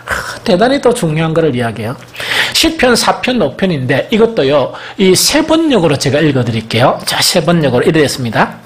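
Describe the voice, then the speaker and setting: A man's voice: a little high, huge pitch swings, fairly quick, hardly any pauses. A male pastor with a Gyeongsang accent, preaching a sermon and firing rhetorical questions at the congregation. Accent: Gyeongsang Korean.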